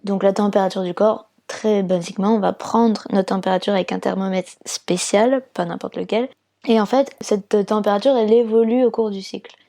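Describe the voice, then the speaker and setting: A woman's voice: medium pitch, fairly even intonation, moderate pace, dark tone. A woman from France, a fertility awareness counsellor, explaining her work patiently step by step in an interview, with frequent fillers.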